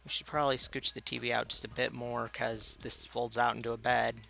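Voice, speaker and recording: A man's voice: mid-range voice, flat delivery, fairly quick, gravelly, pushed and bright. A tired man chatting casually with his viewers during a live game stream, rambling and poking fun at himself. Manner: chatty, rambling, self-mocking, talks to chat.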